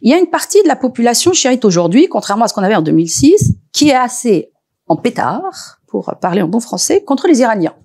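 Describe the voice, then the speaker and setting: A woman researcher speaking as an expert on a panel, lively and animated, often pausing with hesitations and restarts. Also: a little high. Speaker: researcher and lecturer. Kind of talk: expert talk at a panel discussion.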